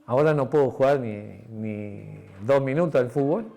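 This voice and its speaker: The voice here is medium-pitched and creaky, at a moderate pace. A Uruguayan-accented pastor tells a personal story in his sermon, acting out conversations and using tag questions often, before dropping to a quiet, intimate tone as he finishes.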